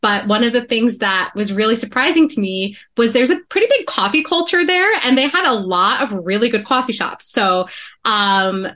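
Bubbly higher-voiced New York woman host. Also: expressive, normal speed, sharp tone. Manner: bubbly, playful, laughs often. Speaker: podcast co-host. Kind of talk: casual podcast interview.

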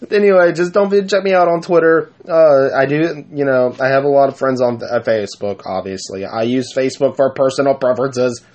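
A man's voice: medium pitch, darkish tone. A young man hosting his own podcast, rambling casually through an outro with frequent giggles and self-corrections into a home mic. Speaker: podcast host.

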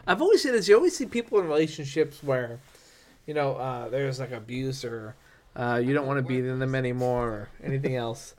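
A man co-hosting a casual podcast, rambling and animated, breaking into nervous laughs as he reads aloud. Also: mid-range voice, a little fast. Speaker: podcast co-host.

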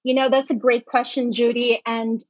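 A middle-aged woman from Hong Kong, a guest on a podcast interview, explaining things warmly and laughing easily. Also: a little high, flat delivery, normal speed, no echo. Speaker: guest, BaZi reader and feng shui master. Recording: dull lo-fi, dry.

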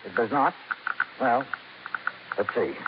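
An actor playing a calm, kindly male hospital doctor in an old radio drama. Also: mid-range voice, a little slow, close to an everyday voice. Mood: businesslike. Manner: calm, reassuring. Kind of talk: 1950s radio drama acting. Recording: muffled old radio recording with hiss.

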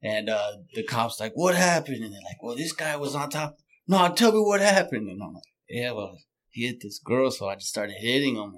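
A man in his late thirties spins stories in an easygoing way. His voice sits at a medium pitch and he often laughs mid-sentence. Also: big pitch swings, normal speed, fairly bright tone. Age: 30s. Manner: laid-back storyteller, laughs often. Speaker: podcast regular. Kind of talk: casual chat.

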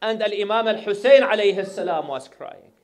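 A male preacher tells a devotional story with an earnest, emotional delivery. His voice sits a little higher than most men's. He weaves devotional phrases into the telling. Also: brisk.

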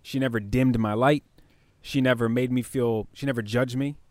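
A man's voice: medium pitch, steady tone, normal speed, darkish tone, no echo. Podcast cohost guy, earnest and heartfelt, dry close sound. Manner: earnest, heartfelt, repeats words. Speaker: podcast co-host. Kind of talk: casual podcast chat.

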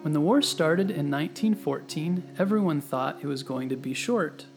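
A man with a slightly high, somewhat creaky voice reads a bedtime history story for children. His delivery is gentle and explanatory, addressed straight to the listener. Music plays clearly behind him. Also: normal speed. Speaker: host and narrator of a children's bedtime history show. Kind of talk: scripted storytelling narration for children. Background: background music.

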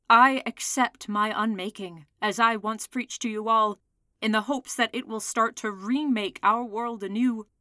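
A woman's voice: mid-range voice, sharp tone, no echo, studio quality, natural voice. A woman reading the farewell speech of a sentient car that gives itself up for the world, in a grand rallying manner. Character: sentient defiant car, solemn, self-sacrificing.

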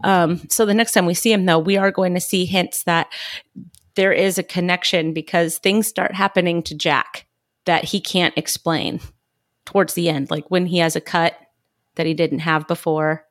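A woman's voice: on the low side, normal speed, no echo, studio quality. A woman co-hosting a podcast, chatting casually and animatedly about a TV episode. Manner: chatty, animated, quotes characters in voices. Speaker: podcast co-host. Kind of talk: casual chat.

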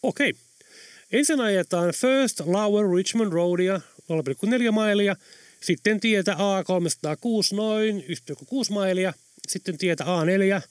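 A chirpy, cheerful London taxi driver in a storybook, put on by a male narrator. He rattles off route after route in a high, bright voice. The recording is dry and close. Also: no echo, natural voice. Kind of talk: audiobook character voice.

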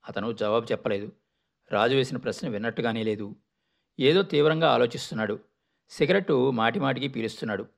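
A man reading a story aloud in a measured, descriptive narration. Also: mid-range voice, gravelly.

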